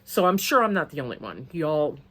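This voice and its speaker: Chatty, rambling woman with a lively low voice. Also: fairly quick. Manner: rambling, chatty, many restarts. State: slightly hoarse. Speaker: crafting vlogger. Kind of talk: casual chat to camera.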